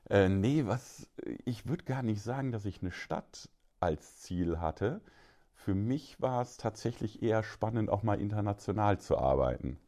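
Very low-voiced man, bank executive guest. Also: animated, a little slow, mellow. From Germany, Düsseldorf. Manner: fluent, many filler hesitations, friendly. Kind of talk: conversational podcast interview.

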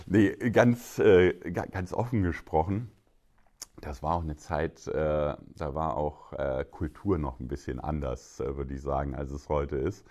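A man's voice: very deep voice, unhurried, darkish tone. A man in his fifties from Düsseldorf, a bank executive talking fluently with some filler hesitations in a podcast interview. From Germany, Düsseldorf.

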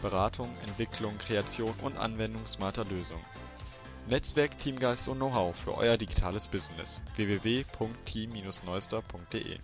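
Low-voiced male announcer over music. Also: moderate pace. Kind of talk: read sponsor announcement. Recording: music bed under the voice.

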